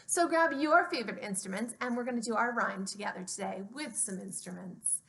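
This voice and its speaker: Narrating for a group of small children at story time, this woman speaks fairly quickly at a medium pitch with a creaky, husky quality. She keeps things simple, expressive and child-directed.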